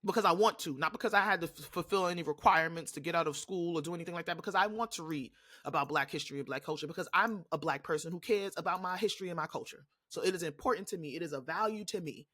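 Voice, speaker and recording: A woman's voice: on the low side, quick pace, hardly any pauses, bright, forceful tone. A woman with a New York accent hosting a podcast, ranting in a blunt, profane, impassioned way in a casual monologue. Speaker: podcast host.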